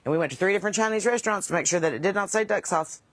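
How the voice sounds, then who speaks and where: Southern US woman, mid-pitched, livestream host; folksy, unpolished, quick with a wisecrack. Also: no echo. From Kentucky. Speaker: host and singer chatting with live viewers. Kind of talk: casual livestream chat.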